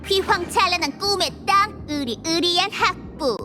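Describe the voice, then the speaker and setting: A woman's voice: very high-pitched, unhurried, over loud music. A woman voicing an earnest, eccentric young ninja girl in a video game, with a grandiose declaiming manner.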